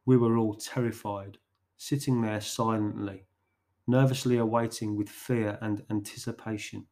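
A man hosting a podcast who narrates a story in a slow, deliberate way, pausing between phrases. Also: on the low side, steady tone, darkish tone.

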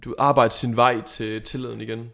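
A man's voice: mid-range voice, level tone, vocal fry, crowd noise. A man in a casual chat, improvising a story with a friend and acting out the characters' lines. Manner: playful, acts out characters' lines.

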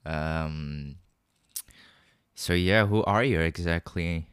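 Deep-voiced young man hosting a podcast. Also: a bit bright, smooth, no room sound. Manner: halting, filler-heavy, laughs easily. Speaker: podcast host. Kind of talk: casual podcast chat.

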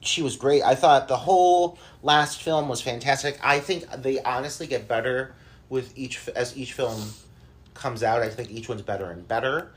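A man's voice: mid-range voice, moderate pace. Guy guesting on a podcast, gushes about movies, rambles and restarts a lot. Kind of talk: casual pop culture chat.

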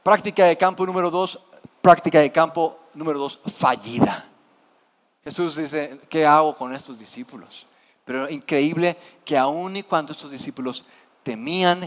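A Mexican man preaching a sermon as pastor, telling the story with lively acted-out voices. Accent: Mexican Spanish. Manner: animated storytelling, acting out scared disciples in high cries. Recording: long hall reverb.

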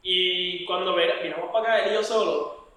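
A podcast guest, a man with a high voice, tells a story loosely and laughs along with it. He sounds far from the microphone, in a very echoey room with faint noise behind him. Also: moderate pace, sharp tone. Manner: loose storytelling, laughs at his own tale. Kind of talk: casual chat. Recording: roomy echo, far from mic, faint noise.

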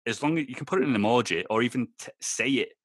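A man's voice: medium pitch, very fast, dry recording. A young Scottish man hosting a podcast, chatting casually, rambling and swearing, laughing often. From Scotland. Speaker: podcast host. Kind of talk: casual chat.

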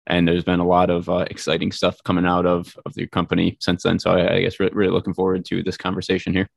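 Low, flat-voiced podcast host man. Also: vocal fry, no room sound. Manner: halting, repeats words. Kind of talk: casual interview podcast.

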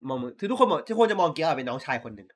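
A man in casual chat about a TV show, excitable and swearing often, acting out lines from scenes. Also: on the high side, racing. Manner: excitable, swears a lot, acts out scene quotes. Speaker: podcast co-host. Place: voice chat call.

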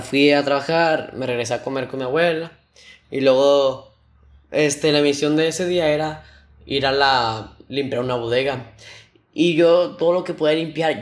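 A young man with a Mexican accent telling stories on his solo podcast in a slangy, animated way, imitating sounds with his mouth. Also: medium pitch. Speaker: podcast host. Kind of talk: casual solo podcast storytelling.

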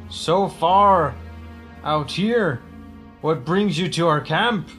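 Man putting on a loud, declaiming barbarian tribesman. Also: on the high side, expressive, slow, faint music behind, voice pushed up. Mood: proud, challenging. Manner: declaiming, formal barbarian speech. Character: proud hunched bear-tribe warrior in frozen wastes. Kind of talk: in-character tabletop role-play.

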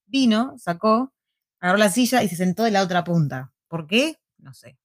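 A young woman with an Argentine accent, chatting casually and telling a story with animated, acted-out quotes. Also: mid-range voice, moderate pace, no echo, studio quality. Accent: Argentine Spanish. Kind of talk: casual chat.

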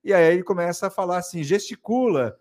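A man, co-hosting a podcast and telling a story in an animated way, acting out scenes. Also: high voice, fast talker. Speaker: podcast co-host. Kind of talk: casual chat.

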